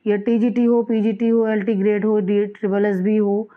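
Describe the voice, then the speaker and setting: A woman teacher giving an exam-prep lecture, reading questions out slowly and then explaining in a quick Hindi-English mix, repeating key answers. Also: mid-range voice, little pitch movement. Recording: dull lo-fi sound.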